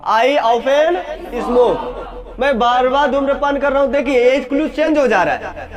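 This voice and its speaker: A man's voice: extremely high pitch, measured pace, muffled recording, crowd noise. A man teaching English grammar in a classroom, drilling phrases aloud and checking whether the students follow. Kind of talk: classroom lesson.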